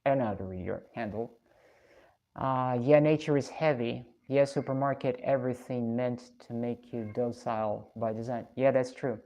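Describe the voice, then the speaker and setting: Very low-voiced woman streamer. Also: moderate pace, dark tone. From Russia. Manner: chatty, reflective, laughs often. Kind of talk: casual live-stream chat reading comments.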